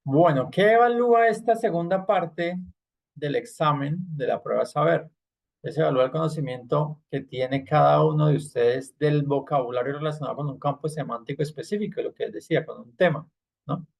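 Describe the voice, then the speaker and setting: A man leads an online language class, explaining step by step and checking in with his students through frequent little tag questions. His voice sits a bit high and carries a gravelly edge. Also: moderate pace. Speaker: English teacher.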